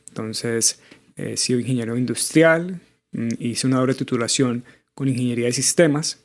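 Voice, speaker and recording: This guest, a man in his thirties from Bogotá, Colombia, speaks Colombian Spanish with a medium-pitched, slightly mellow voice. In this conversational interview he weighs each question carefully and uses lots of little fillers.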